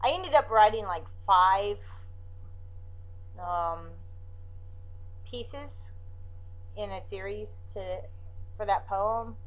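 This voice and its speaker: A woman's voice: medium pitch, extremely slow, pauses often. A woman with a scratchy voice, reciting her own poems and singing them, between hesitant, self-deprecating remarks full of fillers. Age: adult, has a grown daughter. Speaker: amateur poet and singer.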